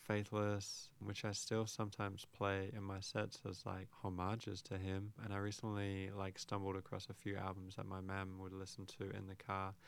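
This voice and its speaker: Relaxed young man, gravelly and smooth. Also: low voice, moderate pace, hardly any pauses. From Australia, grew up in Brisbane. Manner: relaxed, thoughtful, many fillers. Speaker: musician and DJ guest. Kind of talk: casual interview chat.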